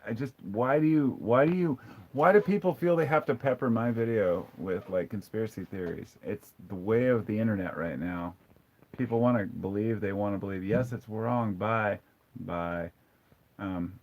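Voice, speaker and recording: Reading out viewer comments on his casual live stream, a man fires back blunt, profane, sarcastic answers, chatting conversationally and often restarting. He has a fairly low, slightly mellow voice.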